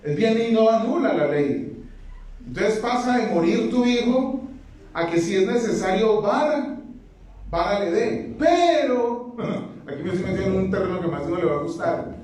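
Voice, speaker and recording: A man's voice: high-pitched, animated, normal speed, darkish tone. A man preaching a sermon to a congregation, firing rhetorical questions at them and dropping joking asides. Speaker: pastor. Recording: very echoey hall, mic far off.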